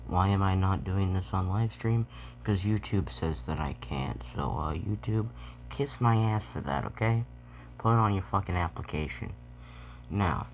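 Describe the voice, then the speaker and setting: A man's voice: deep voice, vocal fry, muffled recording, a little hiss or hum. A man with a Boston accent, a rapper ranting bluntly and profanely about current issues in a casual vlog. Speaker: rapper and vlogger.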